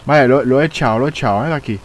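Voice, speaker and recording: A young man from streaming live gameplay, chatting casually, swearing and shouting when the game frustrates him. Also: mid-range voice, very fast, low-quality recording.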